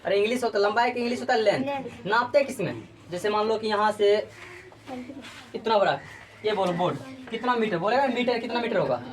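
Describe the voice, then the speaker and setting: A woman's voice: medium pitch, lively intonation, brisk. A woman teaching a physics class, drilling students with repeated call-and-response questions. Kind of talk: classroom lecture.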